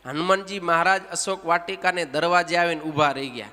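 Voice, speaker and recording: In a big-sounding room, a man with a fairly high, brisk voice tells a devotional story with animation. As a religious storyteller, he questions the audience and guides their chanting.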